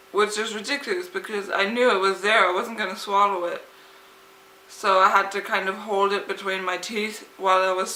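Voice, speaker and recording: A woman's voice: mid-range voice, pushed and bright. A young woman chatting casually for a vlog, with slightly impeded, lisping articulation, as if her tongue is swollen. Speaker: vlogger. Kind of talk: casual vlog chat, rambling. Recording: echoey, roomy sound.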